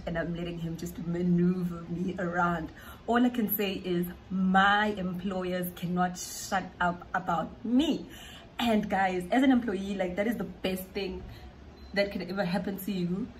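A woman's voice: lowish voice, a little hiss or hum, poor audio. A South African woman vlogging casually at home, chatty and fond of repeating words for emphasis. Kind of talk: casual vlog chat.

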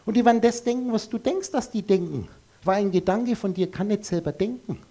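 A man's voice: high voice, a little fast, warm tone. A man giving a live lecture to an audience in a blunt, emphatic way, full of rhetorical questions.

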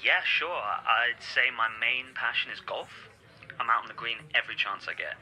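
A stammering, earnest young date. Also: male voice, mid-range voice, moderate pace, bright, forceful tone, low-quality recording. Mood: awkward earnest. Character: awkward earnest young date, golf-obsessed. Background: game music.

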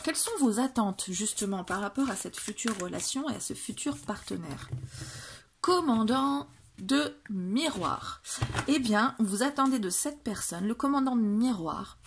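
A woman's voice: mid-range voice, a little hiss or hum. A woman doing a casual tarot reading for viewers, talking with many hesitations and restarts. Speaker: tarot reader.

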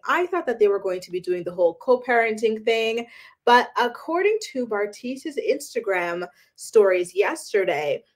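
A woman hosting a celebrity gossip channel, talking casually and with opinions, often using "um" and "like". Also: medium pitch. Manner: chatty and opinionated, frequent "um" and "like".

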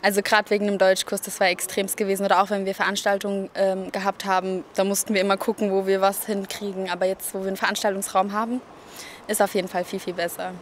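Teen woman, volunteer interview, fast, flat, handheld mic outdoors. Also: mid-range voice, a little hiss or hum. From Germany. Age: teens. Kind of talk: casual interview answers. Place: outdoors by a building. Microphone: handheld mic held by interviewer.

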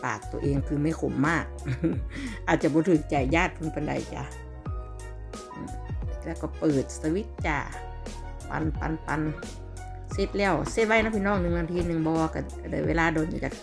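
Middle-aged woman vlogger, Isan accent, low voice, easy friendly kitchen chatter with music under it. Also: normal speed, vocal fry. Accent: Isan (northeastern Thai). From Thailand. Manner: friendly, talks to viewers as "brothers and sisters" with soft polite particles. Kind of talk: casual chatty kitchen vlog. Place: home kitchen.

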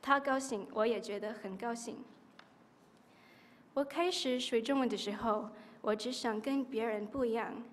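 A woman's voice: a little high, normal speed. Teenage girl's Mandarin speech, echoing hall. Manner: foreign learner's Mandarin, repeating phrases. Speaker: high school student contestant. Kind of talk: prepared contest speech. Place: auditorium stage at a podium. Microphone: podium microphones.

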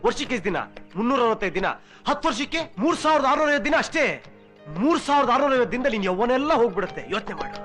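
A man's voice: animated, rapid-fire, over music. An actor playing a brash, cynical young man who taunts and preaches in film dialogue. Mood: taunting. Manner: taunting, preachy, wild swings of pitch.

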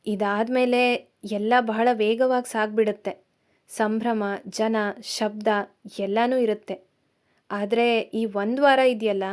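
A woman voicing a young man who is a gentle, teasing fiancé in a storybook tale, speaking quickly and softly. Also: a little high, steady tone. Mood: soft earnest.

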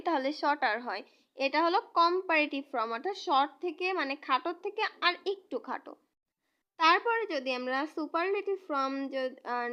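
Woman English tutor, high voice, slow and repetitive, spells words out, muffled lo-fi sound. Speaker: English teacher. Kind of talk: explaining grammar to students.

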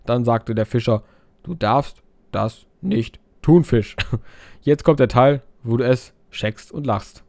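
A man's voice: mid-range voice, slow pace, gravelly, darkish tone, no room sound. A young man doing casual game commentary, reading viewer messages aloud in silly voices and swearing while joking around. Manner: crude, joking, swears a lot. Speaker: let's player.

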